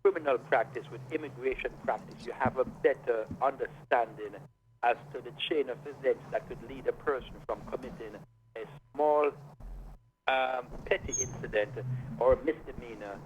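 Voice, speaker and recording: A Jamaican immigration and criminal defense lawyer, appearing as a guest on a radio show over a phone line, explains the law step by step. His mid-range voice moves at a normal speed, carried by a dull lo-fi line with faint hiss.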